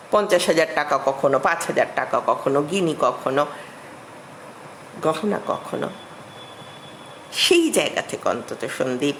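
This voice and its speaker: A middle-aged woman giving an academic lecture as a literature professor, measured and explanatory, with emphatic rises. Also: low voice, slight background noise, poor audio.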